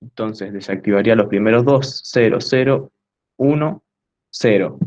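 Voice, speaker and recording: A young man giving a hesitant student class presentation, filling pauses with "eh" while pointing things out on a diagram. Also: on the low side, a little mellow. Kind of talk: class presentation explaining computer hardware. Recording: dull lo-fi recording.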